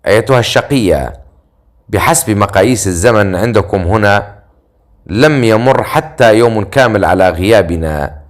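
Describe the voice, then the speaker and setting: A man's voice: lowish voice, expressive, moderate pace, lightly acted. A man voicing a self-assured, sarcastic male hero who teases dryly. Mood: wry.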